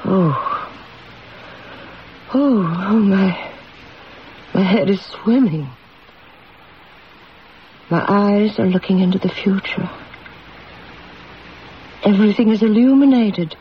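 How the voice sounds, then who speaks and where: An actress playing an assured, coaxing therapist and former fortune teller in a radio drama, with a dramatic, commanding delivery. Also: female voice, mid-range voice, takes it slowly, pauses often, lightly acted. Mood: grandly mystical. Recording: dull, hissy radio recording.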